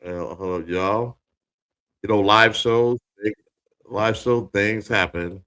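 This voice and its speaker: A man's voice: fairly low pitch, slow pace, pushed and bright, clear, resonant tone, no room sound. A man co-hosting a casual live podcast, laid-back and slangy, laughing often. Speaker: podcast co-host. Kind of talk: casual live-stream chat.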